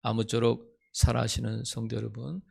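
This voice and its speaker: A male pastor preaching a sermon with passion, acting out the voices in his stories and building to loud, emphatic peaks. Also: mid-range voice, flat delivery, moderate pace, vocal fry. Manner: acts out quoted voices in storytelling.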